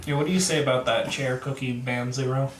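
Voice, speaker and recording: A man with a medium-pitched voice chats as a tabletop game player. His phrasing is casual and hesitant. The room is echoey and clearly noisy. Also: fairly even intonation, fairly quick. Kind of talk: casual chat.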